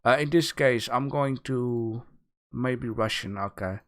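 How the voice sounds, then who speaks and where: A man hosting a livestream, chatting casually with his viewers, joking and restarting his sentences as he goes. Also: medium pitch. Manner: rambling, joking with chat, halting restarts. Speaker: livestream host giving art critique.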